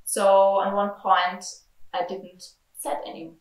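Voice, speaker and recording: Taking her time, a retreat participant from Austria searches for words with plenty of fillers during a candid, hesitant interview. She has a medium-pitched, level voice, and the mic sits at a distance in a roomy setting.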